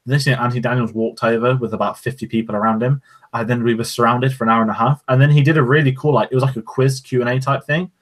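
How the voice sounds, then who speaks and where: A man co-hosts a podcast, talking at a quick pace in a mid-range voice with fairly even intonation. Picked up by a podcast microphone, his casual chat is rambling and opinionated.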